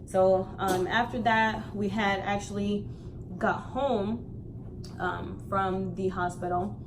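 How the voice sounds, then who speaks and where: A woman's voice: medium pitch, slow pace, noisy background. A young woman vlogger casually telling a personal story, acting out what people said along the way. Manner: animated retelling, acts out quoted lines.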